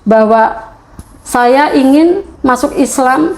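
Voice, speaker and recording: A woman's voice: sits high, slow pace. A woman in her forties from Purwokerto, Indonesia, giving an earnest, heartfelt personal testimony in an interview, with hesitant restarts. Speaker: interviewee telling her conversion story.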